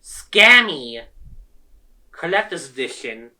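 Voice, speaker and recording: Angry solo rant from a male creator; high, bright voice, slightly off-mic. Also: sing-song, takes it slowly, recorded from a distance. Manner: heated, swearing, quotes people in mock voices. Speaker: gaming video creator. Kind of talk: angry ranting monologue.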